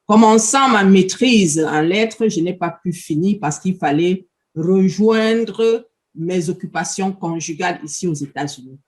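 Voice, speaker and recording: A woman's voice: lowish voice, a little slow, darkish tone. Polite Cameroonian-born woman guest. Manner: polite, hesitant with many fillers. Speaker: interview guest. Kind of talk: interview answers.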